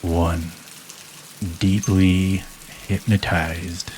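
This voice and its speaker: A man guiding a listener through a hypnosis induction in a soft, calm, measured way with long pauses. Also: deep voice, slight background noise.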